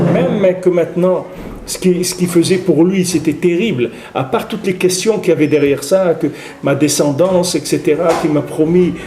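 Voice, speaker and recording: A man giving an informal religious lesson, telling stories with lively restarts and Hebrew terms. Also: a little high. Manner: animated storytelling, many restarts and Hebrew terms. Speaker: rabbi giving a Torah class. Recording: echoey room with faint noise.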